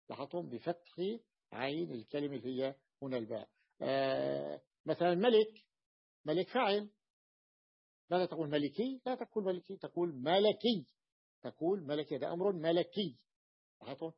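A man's voice: on the high side, creaky, husky. A man teaching a grammar lesson, drilling word forms with patient repetition. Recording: dull lo-fi recording.

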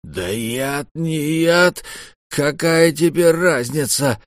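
A man's voice: medium pitch, expressive, moderate pace, dry recording, clean studio sound. A man voicing a whiny, panicky middle-aged male merchant in a storybook, plaintive and wailing. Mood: despairing wail.

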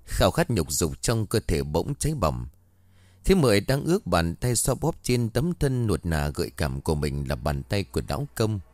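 Low-voiced male ghost story narrator. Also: very animated, normal speed, a little mellow, no room sound.

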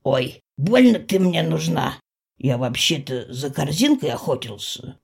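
A woman voicing a clumsy, sheepish male werewolf in an audiobook, with a low growling mutter. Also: big pitch swings, a little slow, darkish tone, husky, exaggerated voice. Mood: wheedling. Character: awkward male werewolf, gruff but timid. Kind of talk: audiobook character voice.

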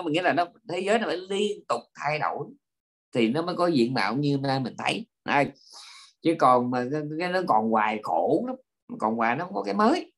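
A man, a Buddhist monk giving an informal dharma talk, lively and full of fillers and repeated words. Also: medium pitch. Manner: lively storytelling with frequent fillers and repetitions.

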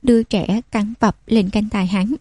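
A woman narrating an audiobook with steady, even storytelling. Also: mid-range voice, a little slow, husky, no echo.

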